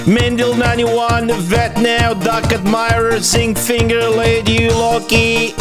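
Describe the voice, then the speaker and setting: A man hosting a livestream on a headset mic, greeting viewers and reading their names in quick lists. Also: very high voice, little pitch movement. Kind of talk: casual stream chat, reading out viewer names. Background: loud game music.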